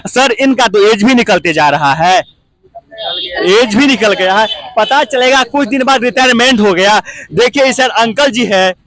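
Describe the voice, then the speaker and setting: Impassioned high-voiced male street reporter. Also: expressive, a little slow, a bit bright. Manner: rhetorical questions to politicians, pleading.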